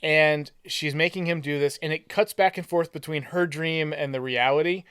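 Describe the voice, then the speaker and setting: A man with a smooth, clear voice talks movies on a podcast, eager and a little scattered as he retells scenes. His pitch sits a touch high, and the sound is close and dry with no room echo. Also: fairly even intonation, normal speed, a bit bright. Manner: enthusiastic, retells scenes with hesitant restarts. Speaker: podcast co-host. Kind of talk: casual chat about a movie.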